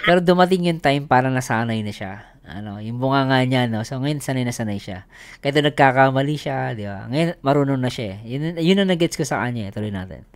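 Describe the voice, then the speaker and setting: A man's voice: medium pitch, lively intonation, a little fast. A man from the Philippines hosting a vlog, chatting casually with viewers and laughing often as he talks. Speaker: vlogger host. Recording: noisy recording.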